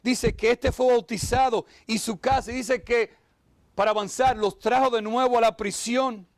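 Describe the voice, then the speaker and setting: A man's voice: very high voice, fairly even intonation, normal speed, dry recording. A man preaching a sermon, who exclaims often, asks his listeners direct questions and acts out the voices of figures in the story. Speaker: pastor.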